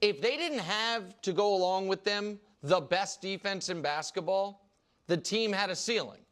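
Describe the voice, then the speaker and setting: A man hosting a studio sports debate, arguing his point with quick restarts and energy. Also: sits high. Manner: animated, argumentative, quick restarts.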